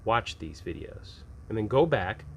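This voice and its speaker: With a lowish voice, very animated yet unhurried, an American game master show host rambles through some casual, off-the-cuff advice. There's clearly noisy ambient sound in the background.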